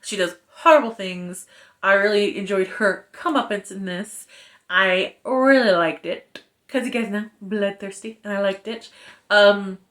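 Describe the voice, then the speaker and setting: A woman's voice: mid-range voice, unhurried. Chatty young woman reviewing a book. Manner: chatty, animated retelling with many fillers. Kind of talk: casual book review chat.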